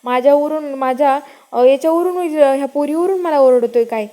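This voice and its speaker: A woman doing an angry middle-aged mother who scolds loudly, firing one accusing question after another. The voice sits high, yet its tone stays soft and mellow, as in a retold serial scene. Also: moderate pace, close to an everyday voice. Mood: scolding.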